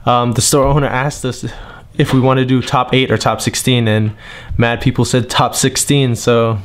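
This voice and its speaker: A young man from New England gives a frustrated monologue, complaining at length and then reading out a list of cards in a flat voice. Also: mid-range voice, normal speed, a little hiss or hum. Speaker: card game vlogger. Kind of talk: monologue rant and tournament report.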